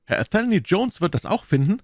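A man's voice: sits high, big pitch swings, a little fast, no room sound, studio quality, pitched above the performer's own voice, full character voice. Man doing a grumbling, sulky Victorian constable. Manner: loud, complaining. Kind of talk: audiobook reading.

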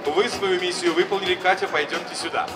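A man's voice: high-pitched, steady tone, a little fast, background noise. A middle-aged man hosting a ceremony, making formal stage announcements in short phrases into a handheld microphone. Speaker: ceremony host. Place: large exhibition hall stage. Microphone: handheld microphone through PA. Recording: echoey hall PA from far off, music behind. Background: music.

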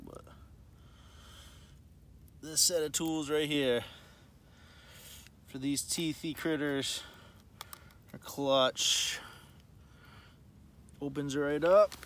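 Slow-talking man vlogging outdoors. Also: fairly high pitch. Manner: excited bursts when catching fish. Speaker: fishing vlogger. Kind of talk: casual outdoor vlog narration. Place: outdoors on a frozen river. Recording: noisy outdoor recording.

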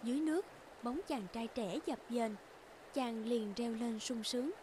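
A woman narrating a fairy-tale cartoon in a gentle, even storytelling delivery. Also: a little high, moderate pace, background noise. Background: loud background music.

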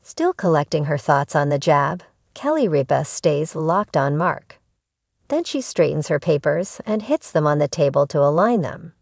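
A woman reading scripted entertainment news narration in even, formal sentences. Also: deep voice, normal speed, vocal fry, no echo, clean studio sound.

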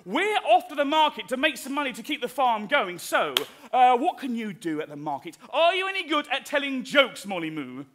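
A man presenting a live children's stage show on a theatre stage, excitable and giggly, full of oohs, talking to the audience. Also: very high-pitched, moderate pace, few pauses, noisy background. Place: theatre stage with farm set.

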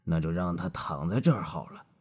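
A man's voice: low voice, expressive, fairly quick, darkish tone, slightly rough. A man voicing a cold, contemptuous middle-aged doctor who speaks curtly and icily. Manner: curt, clipped and icy.

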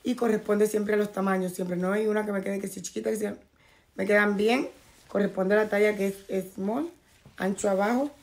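A woman whose voice is going hoarse talks through a clothing haul at home, addressing her viewers directly in a chatty way. Her tone sits at a middle pitch with plenty of gravelly fry. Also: fairly even intonation, moderate pace, a little mellow. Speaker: fashion vlogger. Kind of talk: casual clothing haul unboxing. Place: at home, in a bathrobe.

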